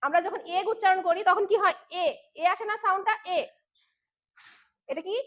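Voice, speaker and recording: A woman's voice: extremely high pitch, moderate pace. A woman teaching phonics to young children, sounding out each letter sound and asking questions. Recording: dull lo-fi sound.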